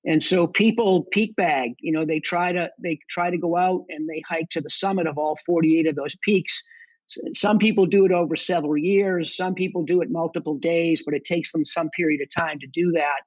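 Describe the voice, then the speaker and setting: A man's voice: on the high side, steady tone, moderate pace, no room sound, low-quality recording. A middle-aged man with a Boston accent, telling his experiences conversationally as an interview guest, in a matter-of-fact way. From Boston area, United States. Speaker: interview guest, army veteran and section hiker.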